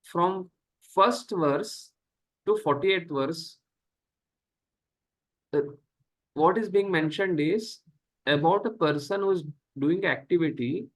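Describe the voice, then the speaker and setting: A man with an Indian accent giving a scripture lecture as a spiritual teacher, slow and deliberate, halting often between short phrases. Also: a little high, low-quality recording. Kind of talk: scripture lecture over online class.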